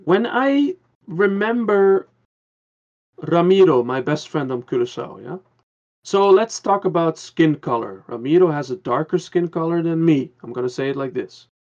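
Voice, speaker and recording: A man's voice: on the high side, lively intonation, moderate pace, darkish tone, dull audio. A man from the Caribbean, a guest on a podcast, talking in an earnest, rambling way with many restarts. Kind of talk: casual podcast conversation.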